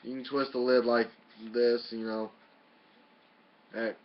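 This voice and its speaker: A man's voice: mid-range voice, little pitch movement, slow pace, slight background noise. A man giving a casual, folksy and mildly profane review in a home video. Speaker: product reviewer. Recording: muffled lo-fi home video audio.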